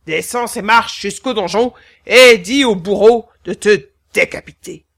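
A woman's voice: medium pitch, a little slow, creaky, fairly bright tone. A woman voicing an impatient, fretful king who commands and bursts out in a storybook reading. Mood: grave. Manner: commanding, prone to outbursts.

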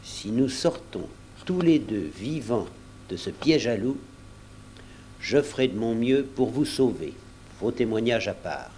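A man voicing an earnest middle-aged doctor who speaks urgently and gravely. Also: mid-range voice, lively intonation, a little slow, warm tone, slight background noise, close to an everyday voice.

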